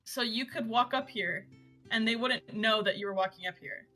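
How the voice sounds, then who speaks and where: A woman's voice: on the high side, normal speed, bright, forceful tone, soft background music. A woman playing in a tabletop game, eagerly laying out her plan and searching for the right words. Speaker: player. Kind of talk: casual tabletop game chat.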